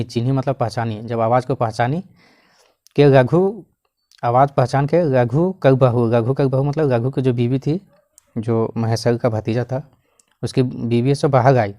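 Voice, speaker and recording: A man teaching, who reads a line in a regional dialect and then explains it in plain Hindi, often coughing and clearing his throat. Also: medium pitch, darkish tone. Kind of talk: explaining a Khortha text line by line.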